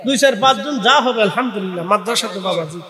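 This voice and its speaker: High-pitched impassioned preacher. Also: male voice, animated, fast talker, reverberant, in a large hall, a crowd in the background. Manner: impassioned, shouting in rising bursts. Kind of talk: Bengali waz sermon.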